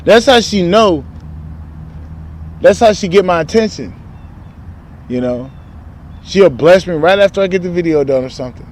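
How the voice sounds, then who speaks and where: A man's voice: high-pitched, animated, moderate pace, long pauses, a little mellow, a little hiss or hum. A man talking in a casual spiritual vlog, rambling and candid, full of profane street slang, recorded outdoors. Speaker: spiritual vlogger.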